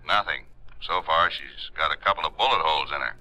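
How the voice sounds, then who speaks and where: A man's voice: extremely low pitch, a little fast, sharp tone, exaggerated voice, low-quality recording. A man playing a terse, matter-of-fact police robbery sergeant in 1950s radio drama style. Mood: businesslike.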